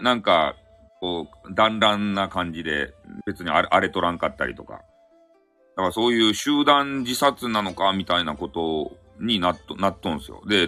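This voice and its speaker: Lively low-voiced man with Hakata dialect. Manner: rambling, self-correcting, chuckles. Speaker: live audio stream host. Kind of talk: casual solo live chat.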